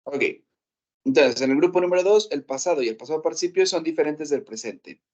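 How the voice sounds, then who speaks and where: A man's voice: a little high, fairly quick, dark tone, dull audio. Man teaching English. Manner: explains step by step, checks with "¿ok?" often. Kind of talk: classroom lesson.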